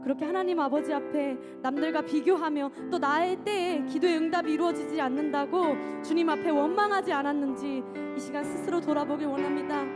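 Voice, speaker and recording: Worship leader, woman, fervent prayer over loud worship music, very high voice. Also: brisk, few pauses. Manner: fervent, rising from soft murmured prayer to loud sung pleading. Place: church sanctuary.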